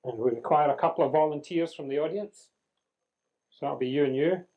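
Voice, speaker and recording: A man's voice: on the high side, fairly quick, phone-quality sound. A man giving a live medical lecture, quizzing students with dry humour. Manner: conversational, questioning the class, dry humour. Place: lecture room with audience.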